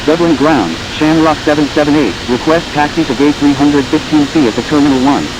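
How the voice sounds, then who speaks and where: A man speaks as a pilot over the radio, reading back taxi and pushback calls in clipped, formulaic phrases. His voice sits a touch high for a man. A steady hiss of noise runs under the transmission. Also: fairly quick. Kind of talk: radio calls to ground control.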